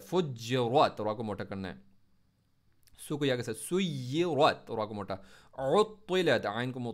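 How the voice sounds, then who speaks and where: A man teaches tajweed in Urdu, reciting words slowly with stress and explaining each letter in quicker, lower asides.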